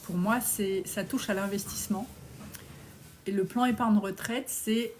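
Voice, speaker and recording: A woman in her forties hosts a live stream and answers viewer comments on budgeting. She talks bluntly and casually, with some slang, and her voice sits at an ordinary middle pitch. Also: steady tone, measured pace, slight background noise. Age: 40s. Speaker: personal finance coach.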